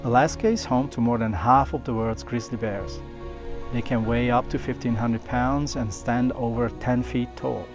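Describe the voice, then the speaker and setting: A man in his thirties delivers scripted voice-over in the manner of a nature documentary. His pitch sits in the middle range, with music clearly playing behind him. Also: fairly even intonation, normal speed. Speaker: travel vlog narrator.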